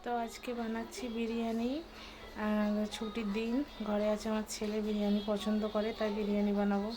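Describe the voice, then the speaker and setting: Chatty woman vlogging at home, flat voice. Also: medium pitch, fairly quick, noisy background. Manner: chatty, homely, addresses viewers as friends. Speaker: cooking vlogger and mother. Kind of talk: casual home vlog narration. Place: home kitchen.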